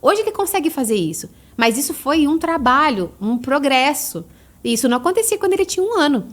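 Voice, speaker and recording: Fast-talking high-voiced Brazilian woman. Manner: lively, acts out parent and child voices. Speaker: guest, parenting educator. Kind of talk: casual podcast interview.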